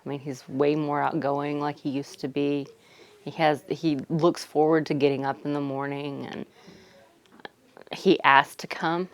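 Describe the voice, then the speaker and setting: A woman's voice: deep voice, level tone, unhurried. A woman, a mother interviewed for a news feature, telling stories in a heartfelt way.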